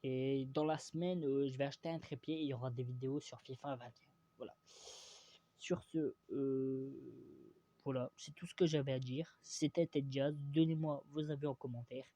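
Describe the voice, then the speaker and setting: A man's voice: mid-range voice, steady tone, normal speed, warm tone. A young man from France rambling through a casual football vlog, hesitant and full of fillers and restarts, teasing and opinionated. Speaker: vlogger.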